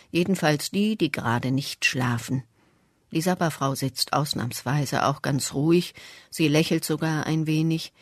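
An adult reader giving a measured first-person storybook narration. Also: medium pitch, dry recording, clean studio sound. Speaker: audiobook reader.

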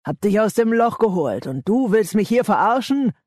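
A man reading an audiobook voices a threatening gang boss who growls his demands in a raised, forceful voice. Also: high-pitched, very animated, normal speed, no room sound, studio quality, pitched above the performer's own voice. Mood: menacing.

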